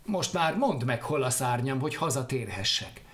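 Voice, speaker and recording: Storybook hero read by a man: lifted pitch, pleading, quick-tempered. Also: expressive, natural voice. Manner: pleading, rising to shouts. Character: wingless flying man, pleading, quick to anger.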